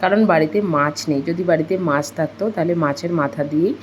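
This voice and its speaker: A woman's voice: low voice, fast, a little hiss or hum, rough recording. A young woman with a Bengali accent, narrating her daily homemaking vlog in a chatty, rambling way full of fillers. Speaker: homemaker vlogger.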